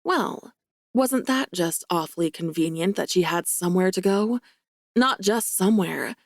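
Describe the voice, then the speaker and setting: A woman giving first-person romance audiobook narration in a wry, lively, self-mocking way. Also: on the low side, measured pace, no echo, clean studio sound.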